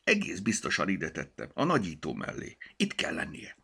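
A man's voice: low voice, huge pitch swings, creaky, sharp tone, breathy edge, full character voice. A man voicing a grumpy, fussy male gnome sleuth in a storybook, muttering and exclaiming. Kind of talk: storybook character voice.

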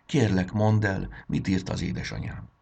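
A man putting on an excited little fairy girl. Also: sits low, a little hiss or hum, natural voice. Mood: pleading. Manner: eager, excited.

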